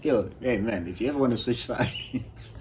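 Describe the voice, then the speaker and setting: A man's voice: medium pitch, normal speed, over music. A man co-hosting a casual reaction chat, playful and cheering his partner on. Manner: playful hype-man banter. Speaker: reaction show host.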